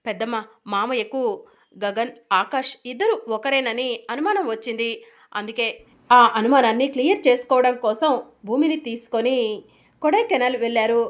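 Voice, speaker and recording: A woman's voice: on the high side, lively intonation, moderate pace, close to an everyday voice. A woman reading a scheming young man.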